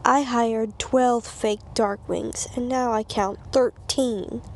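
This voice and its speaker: A woman's voice: fairly high pitch, steady tone, takes it slowly, gravelly, a little mellow, slight background noise. A woman voicing a huge, gloating male villain boss from a children's storybook in a commanding way. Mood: angry, commanding.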